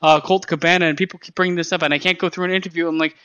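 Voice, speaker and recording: Bright-voiced man rambling in a dry room. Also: on the high side, steady tone, smooth, dry recording, lo-fi sound. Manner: rambling, halting, profane. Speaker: podcast co-host. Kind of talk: casual chat.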